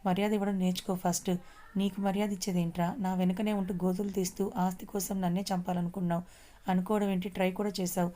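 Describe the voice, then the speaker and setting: A woman's voice: mid-range voice, flat delivery, fast talker, warm tone, close to an everyday voice. A woman reading the part of a hurt young man betrayed by his family, in a story. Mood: furious. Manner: anguished.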